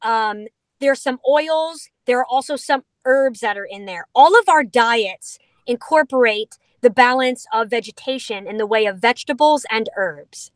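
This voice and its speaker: A middle-aged woman whose voice is a little high explains a dog food product at a measured pace, enthusiastic and sprinkling in playful asides. She works for the dog food company and is on a video call inside a vehicle, with no echo in the audio.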